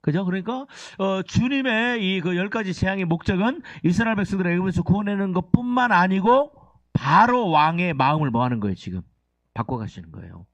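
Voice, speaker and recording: A man's voice: high voice, brisk, no room sound, dull audio. A male pastor preaching a Sunday sermon in a church, keeping the congregation engaged with questions and leading call-and-response reading. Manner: animated, keeps asking the congregation questions. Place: church sanctuary.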